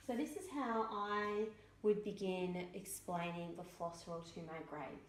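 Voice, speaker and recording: A woman teacher explaining a spelling rule, sounding words out letter by letter in a slow, deliberate way. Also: on the low side, slight background noise. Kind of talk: instructional explanation. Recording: echoey room.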